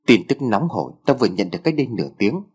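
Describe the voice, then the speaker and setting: A man's voice: lowish voice, big pitch swings, fast, darkish tone, breathy edge. Siêu, a man doing an eager impatient boy. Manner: urgent, impatient pleading. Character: excitable eager teenage boy, pushy.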